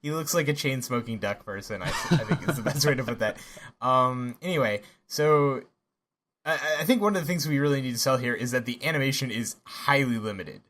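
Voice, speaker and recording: A man's voice: medium pitch, fairly bright tone. Male podcast co-host, casual chat, stumbling and laughing as he talks. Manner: halting, with many restarts and laughs.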